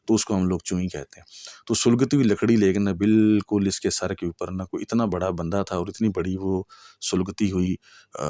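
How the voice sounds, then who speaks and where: A man's voice: deep voice, darkish tone, no echo, clean studio sound. A man with a Punjabi accent telling a true horror story in a chatty, conversational way, often checking in with the listener. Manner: conversational, chatty, full of checks like "okay?" and "you know".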